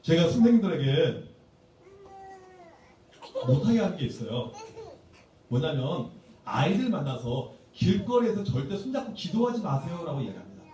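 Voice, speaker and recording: A pastor tells stories with lively, rising and falling pitch and a slightly high voice, playful and humorous as he addresses church teachers. His tone is dark and mellow. The sound booms around a large church sanctuary, picked up from a distance. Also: normal speed, long pauses. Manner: storytelling, playful, acts out quotes. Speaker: pastor giving a teacher seminar. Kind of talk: humorous church seminar talk. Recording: echoey church hall from far off.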